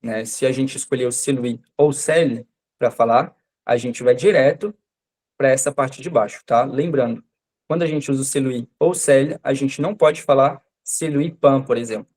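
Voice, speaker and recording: A male language teacher whose first language is Portuguese, running a live online French class. He speaks at an ordinary pitch and explains grammar patiently, stopping often to check that his students understand. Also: moderate pace, a little mellow.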